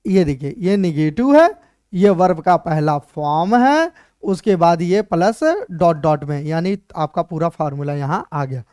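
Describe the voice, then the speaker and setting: Slow-talking teacher drilling English grammar. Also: male voice, a little high, animated, darkish tone, smooth, no room sound, studio quality. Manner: asks and answers his own questions, repeats points, joking asides. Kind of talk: spoken English lesson in Hindi. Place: classroom board lesson video.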